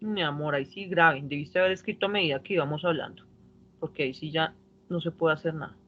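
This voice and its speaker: A woman's voice: low voice, fast, slight background noise. Woman, English teacher, online class, patient explaining, muffled lo-fi sound. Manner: patient, checks in with listo.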